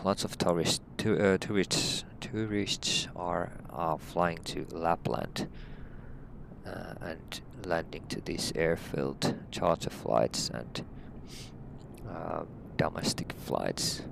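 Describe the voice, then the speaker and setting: A middle-aged Finnish man with a deep, slow voice marked by vocal fry talks through a flight sim session as a helicopter pilot, with a Finnish accent. His casual walkthrough is hesitant, plain and friendly, packed with fillers. The background is noisy.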